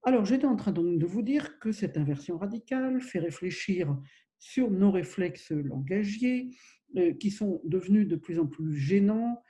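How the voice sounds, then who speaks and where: A man's voice: sits high, expressive, moderate pace, mellow. A man giving an informal recorded lecture, rambling with many fillers and self-corrections.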